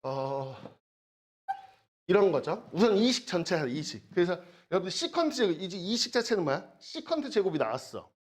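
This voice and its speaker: An animated math teacher whose pitch swings widely while walking through formulas in a recorded lecture. The delivery is chatty and repetitive, with frequent checks like a quick "got it?" and playful side stories. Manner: chatty, repeats key words, jokey asides; asks learners to check understanding.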